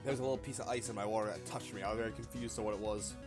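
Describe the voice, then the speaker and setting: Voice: mid-range voice, fairly even intonation, rapid-fire, music in the background. A game streamer chatting casually between lines of dialogue, with self-mocking asides.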